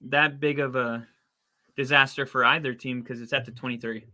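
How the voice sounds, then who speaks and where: Chatty excitable man with a bright voice. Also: mid-range voice, moderate pace. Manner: chatty, excitable, rising to loud disbelief at plays. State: losing his voice. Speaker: podcast host doing live game watch-along commentary. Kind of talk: casual play-by-play chat.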